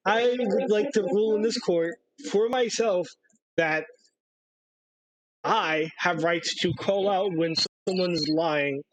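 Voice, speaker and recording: Casting: a pompous male bear judge, played by a man, formal, slightly raised pitch, dry close sound. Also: takes it slowly, no echo, rough recording. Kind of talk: live-streamed game role-play.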